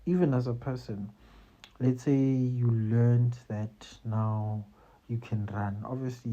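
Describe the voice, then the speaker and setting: The career-advice host from South Africa talks in a mellow, husky mid-range voice, with the highs cut off in the recording. His style is conversational and repetitive, with "you see" and "man" tacked onto his points.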